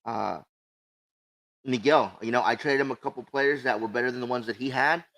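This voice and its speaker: A man's voice: medium pitch, fairly quick, gravelly, a bit bright, rough recording. A man co-hosting a livestream in casual, sweary chat, talking with a swollen lip. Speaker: co-host of a cigar show.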